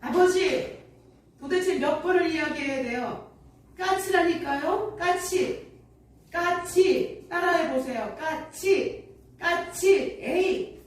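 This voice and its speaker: A woman preacher voicing an impatient grown son who shouts and repeats himself, recorded in an echoey church from a distance. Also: extremely high pitch, slow, voice pushed up. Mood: exasperated. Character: exasperated grown son losing patience. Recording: echoey church hall from afar.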